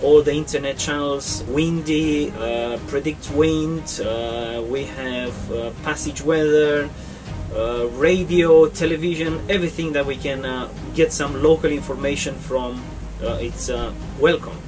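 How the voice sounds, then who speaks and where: Higher-voiced man with many fillers. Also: unhurried, recorded from a distance, music in the background. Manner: fluent, upbeat, many uh fillers. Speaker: interviewed sailor. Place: inside a boat saloon.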